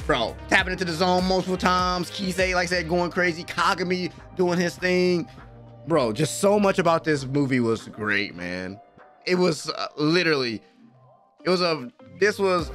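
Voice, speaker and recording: His pitch sits fairly high with a slightly bright edge as this young American man reacts to anime in casual, emphatic, slang-filled talk. The sound comes from a close desk microphone, with a headset on, in a small room at home.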